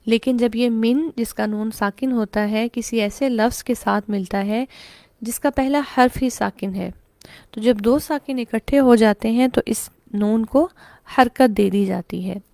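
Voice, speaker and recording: A woman with a Pakistani Urdu accent teaching a tajweed lesson, explaining step by step, asking herself questions and reciting verses slowly. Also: a little high, gravelly, darkish tone, dry recording.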